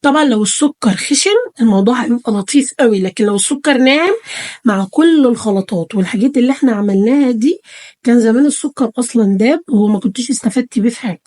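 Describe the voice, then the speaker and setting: A woman with an Egyptian Arabic accent talks fast and a little high as she walks her viewers through a home beauty routine. She calls them girls and keeps up an easy, chatty flow, recorded close on a phone camera indoors. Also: a little mellow. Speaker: beauty vlogger. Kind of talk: casual tutorial talk to camera. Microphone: phone camera held close.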